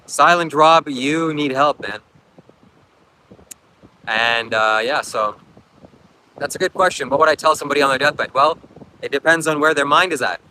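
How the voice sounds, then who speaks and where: The rough recording carries a fairly high male voice at a moderate pace, sharp in tone and marked by long pauses. He's a livestream host on a beach, faint wind around him, reading comments in Ukrainian-accented English, his second language, coughing often and reflecting aloud.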